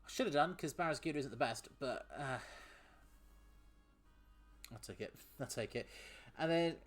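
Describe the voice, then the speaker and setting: This gamer talks to his stream at medium pitch and a moderate pace. Chatty and quick to laugh, he reads chat out loud while playing, sometimes tripping over a word.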